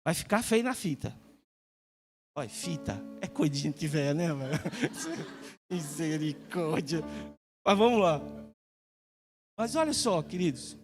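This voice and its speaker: A middle-aged man with a Brazilian Portuguese accent preaching in a church, joking and chatty, with lively quoted asides. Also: fairly high pitch, a little slow, long pauses, music in the background. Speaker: guest pastor. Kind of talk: sermon. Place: church sanctuary.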